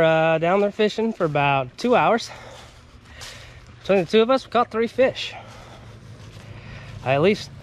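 A man in his thirties with a voice on the high side hosts an outdoor fishing vlog, chatting in a laid-back way and swearing often. He's out by a river, woods and a pond, recorded on an action camera worn on his body or held at arm's length, with faint ambient noise in the background.

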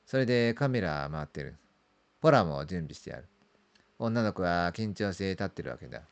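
Middle-aged male, low smooth voice, creepy ghost-story narrator, drawn-out phrasing with trailing endings. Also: big pitch swings. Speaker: amateur ghost story teller. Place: small dark room indoors.

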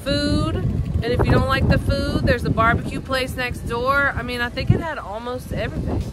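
A woman's voice: sits high, normal speed, very noisy. A woman in her thirties co-hosting a casual brewery review outdoors, listing things with enthusiasm. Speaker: co-host. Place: outdoors by a parking lot.

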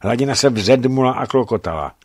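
A man reading a novel aloud in a measured, steady manner for radio. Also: medium pitch, no room sound, clean studio sound. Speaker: radio reader. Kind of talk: scripted narration of a novel. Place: radio studio.

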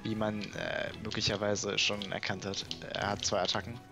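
A man's voice: lowish voice, level tone, moderate pace, music in the background. A man casually commenting while playing a game, chatty and muttering to himself. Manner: chatty, muttering, swears and laughs. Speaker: let's play gamer.

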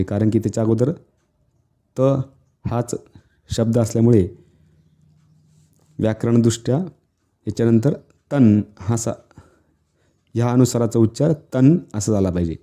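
A man teaching children Sanskrit pronunciation, chanting verse lines slowly and repeating them, with quicker plain explanations in between. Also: medium pitch, warm tone. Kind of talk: recitation lesson for children.

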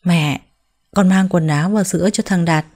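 A woman voicing a young mother who pleads gently and tearfully, with a mellow tone. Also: on the low side, fairly even intonation, moderate pace. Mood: pleading.

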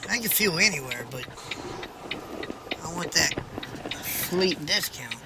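Behind the wheel of his truck, a man whose voice sits on the high side narrates casually and slowly for his vlog audience, his intonation lively. He chats with viewers and fellow drivers as he goes, and the cab is filled with engine and road noise.

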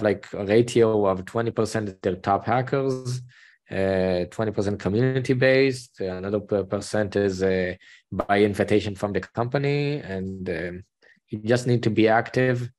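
A man's voice: on the low side, darkish tone. A man with an Israeli accent, a panelist on a video call, explaining plainly and earnestly in casual chat. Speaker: panelist, bug bounty hunter.

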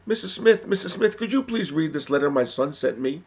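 A man's voice: fairly high pitch, lively intonation, fairly quick, a little mellow, muffled recording, voice pushed up. A man voicing an anxious older immigrant mother who pleads with her neighbors to read her son's letter. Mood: pleading. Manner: pleading, then indignant.

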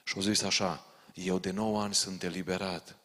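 A man with a very deep, low voice preaches to his congregation. He speaks with urgent, pointed warnings, and his words ring out in the long reverb of a large church hall. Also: little pitch movement, a bit bright. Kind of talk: sermon.

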